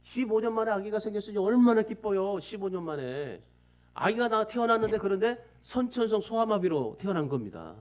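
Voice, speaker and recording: A male pastor preaching a Sunday sermon with a somewhat high voice. He pleads earnestly with his congregation and repeats his phrases. He tells stories as he goes. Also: very animated, brisk.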